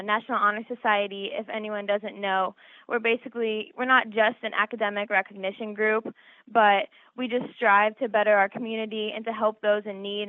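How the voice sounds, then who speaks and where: A woman's voice: mid-range voice, dry recording, phone-quality sound. A teenage girl, a student guest on a radio interview, earnestly explaining an event and linking her points with "and so". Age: teens.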